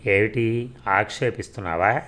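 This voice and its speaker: A man's voice: lowish voice, normal speed, a bit bright, natural voice. A man voicing a stern, short-tempered old family man who keeps demanding answers in a storybook reading. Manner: nagging, demanding questions.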